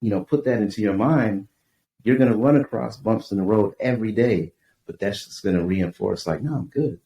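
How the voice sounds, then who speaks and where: A man from Tucson, Arizona, a guest author, talking in a relaxed, reflective way on a podcast. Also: lowish voice, moderate pace, gravelly, muffled recording. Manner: reflective, easygoing, uses "you know" a lot. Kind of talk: casual podcast interview. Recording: echoey room with faint background noise.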